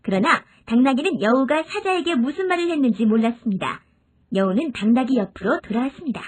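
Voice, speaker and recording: A woman narrating children's fables in a lively, expressive storyteller manner. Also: sits high, fairly quick.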